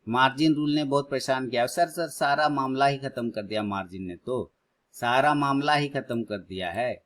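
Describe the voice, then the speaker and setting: A man in his thirties hosting a live trading stream, with a voice of ordinary middle pitch. He talks casually with his viewers and shifts to loud, excited cheering when a stock moves. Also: normal speed. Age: 30s. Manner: excitedly cheers prices on, then chats calmly with viewers.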